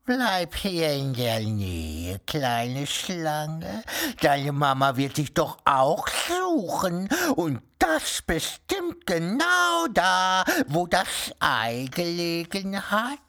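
Fields: Figure: old toothless male crocodile, sad but wise, played by a woman. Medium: children's audio story. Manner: slow, mournful, low. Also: very animated, fairly bright tone, heavily acted.

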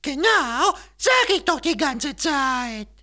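A forlorn little brown teddy bear pipes up in a very high, trembling squeak. He talks slowly and plaintively, like a toy feeling forgotten. It is a children's audio story. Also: big pitch swings, pushed and bright, heavily acted. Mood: complaining.

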